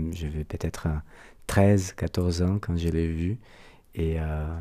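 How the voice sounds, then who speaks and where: Podcast host, a man with a Brazilian accent, deep voice, warm flowery phrasing. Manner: flowery, effusive compliments. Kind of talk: podcast interview.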